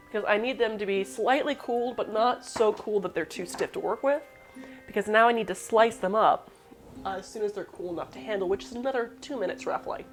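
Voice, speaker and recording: A woman hosting a casual live cooking demo, rambling and self-deprecating while snacking between steps. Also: mid-range voice. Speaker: cooking show host.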